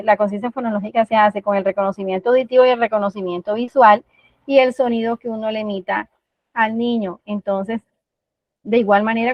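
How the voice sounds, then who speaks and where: A woman speech therapist giving a patient, teacherly explanation of language exercises, sounding out words slowly as if for a child. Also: on the high side, no echo, lo-fi sound.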